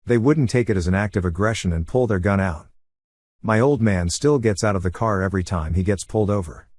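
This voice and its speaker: A man reading online forum comments aloud in an even, matter-of-fact way as the narrator of a compilation. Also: on the low side, brisk, dry recording.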